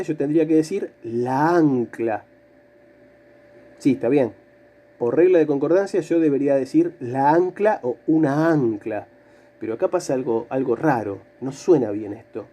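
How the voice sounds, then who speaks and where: A man's voice: fairly high pitch, mellow. A male teacher giving a grammar lesson. He patiently repeats key words, stretches syllables for stress and answers his own questions. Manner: asks questions and answers them himself.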